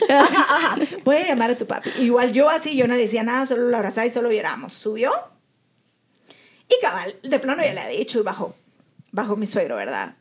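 A woman's voice: on the high side, sing-song, fast, a little hiss or hum. A young adult woman, co-hosting a podcast in casual chat and earnestly telling a personal story while acting out what her relatives said. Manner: earnest, acts out quoted relatives. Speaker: podcast co-host.

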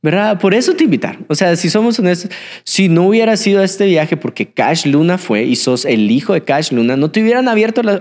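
A young man preaching a sermon, swinging between excited bursts and hushed, reflective passages. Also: a little high. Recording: hall with long reverb.

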